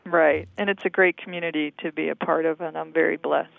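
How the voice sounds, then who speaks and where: A woman in her fifties from Hawaii, giving an earnest, steady account of her community's service work. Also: deep voice, a little fast, vocal fry, no room sound. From Hawaii, USA. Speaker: lay community member in mission work. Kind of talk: interview, testimony. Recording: narrow phone-like sound.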